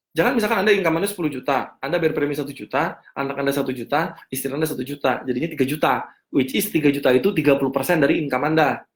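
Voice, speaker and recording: Speaking in a fairly high pitch, a man coaches a finance seminar, answering audience questions, repeating key points and checking understanding with quick questions.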